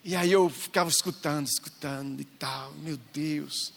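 A man's voice: a little high, moderate pace, creaky. A man in his forties telling family stories with playful acted-out dialogue, co-leading a church marriage talk. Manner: storytelling, acts out dialogue, playful. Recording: echoey hall with long reverb.

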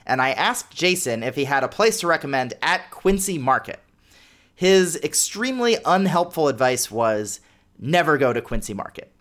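Male host, 30s, mid-pitched, chatty and self-deprecating, solo podcast. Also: fairly bright tone. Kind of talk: casual solo podcast monologue.

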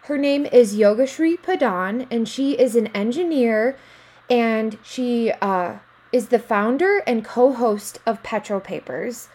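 A woman with a slightly high voice hosts a podcast. She interviews her guest in a friendly, encouraging manner and asks long open questions. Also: takes it slowly, darkish tone. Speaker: podcast host.

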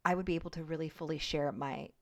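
A woman's voice: low voice, fast, vocal fry. A woman in her forties, a podcast guest, speaking reflectively in a conversational interview and thinking aloud as she goes. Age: 40s.

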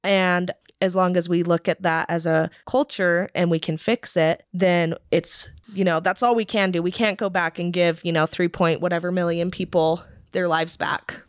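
A woman's voice: fairly low pitch, fairly even intonation, normal speed, few pauses, smooth, no echo, clean studio sound. A woman co-hosting a podcast, chatting casually and laughing often. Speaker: podcast co-host. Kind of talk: casual history chat.

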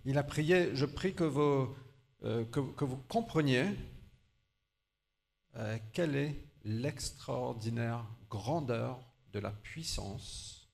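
A man's voice: mid-range voice, slow pace, creaky, a little mellow. Earnest man preaching in short phrases. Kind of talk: sermon delivered in short phrases for an interpreter.

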